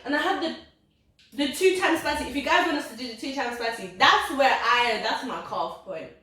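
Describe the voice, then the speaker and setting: A woman's voice: a little high, expressive, a little fast, sharp tone. A woman chatting casually during a food challenge, often laughing as she talks. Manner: giggly, often laughing while talking. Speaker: video host. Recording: very echoey room, distant mic.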